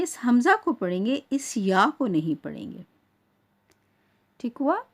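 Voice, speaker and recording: Woman Quran tutor, slow and patient, drawn-out syllable drills, mid-pitched voice. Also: darkish tone. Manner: patient, repeats checks like "theek hai" and slows to spell out sounds. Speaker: Quran reading teacher. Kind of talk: step-by-step lesson.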